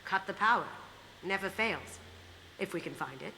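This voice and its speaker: A woman's voice: mid-range voice, lively intonation, normal speed, low-quality recording. An actress voicing a cocky, playful female master thief in a video game, confident and sly. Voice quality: confident, sly, softly spoken. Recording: game audio with clear background noise.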